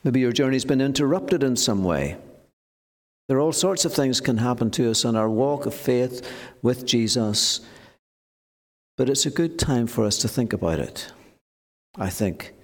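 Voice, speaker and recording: A man preaching in an earnest, gently exhorting way, using rhetorical questions and repeated phrases as he addresses a church service. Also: medium pitch, animated, normal speed, long pauses. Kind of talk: evening church sermon and closing prayer. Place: large reverberant church or hall. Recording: long hall reverb.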